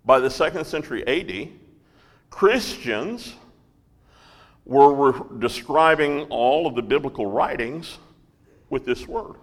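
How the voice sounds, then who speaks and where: A man teaches a Bible lesson slowly, frequently checking in with the class by asking "right?" and "okay?". His voice is medium-pitched and expressive, with a big-room sound.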